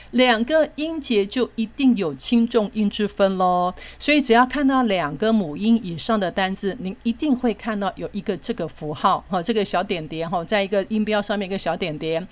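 A woman with a Taiwanese Mandarin accent teaching English pronunciation, patient and repetitive, drawing out example words slowly. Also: medium pitch. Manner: patient, repeats words slowly, ends lines with "哦". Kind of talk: phonics lesson.

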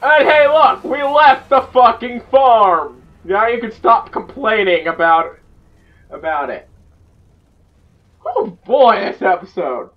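A young man hosting a reaction video, excitable and loud, often restarting his sentences, speaking into a headset in a small room at home. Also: very high voice, slow pace, distant mic, muffled recording, soft background music.

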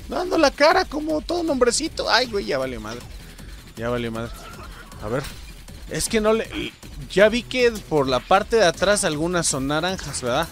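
A young Mexican-accented man, high-pitched and brightly tense in tone, narrates his gameplay in a casual, excitable way. His voice leaps around in pitch as he yells and swears at the game. Faint game music plays behind him. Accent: Mexican Spanish. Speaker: gaming streamer.

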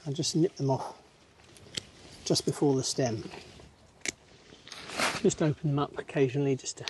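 A man with a medium-pitched, slightly mellow voice talks at a moderate pace as he gardens on his allotment for his channel. He's easygoing and chatty, thinking aloud with many fillers. There's a little hiss or hum in the audio.

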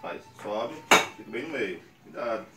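A man's voice: lowish voice, expressive, normal speed. A man in his thirties with a Brazilian Portuguese accent, patiently demonstrating screen printing in a small workshop and explaining each step. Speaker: screen printing channel host. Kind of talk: casual how-to demonstration. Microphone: camera on a tripod a few meters away. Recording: roomy, distant camera mic with faint noise.

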